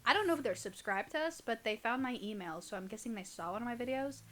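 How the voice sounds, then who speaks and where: Talking fast in a slightly high, bright, animated voice, a woman co-hosts a laid-back reading of online horror stories that she hosts and reads. She trades playful, teasing banter with her co-host.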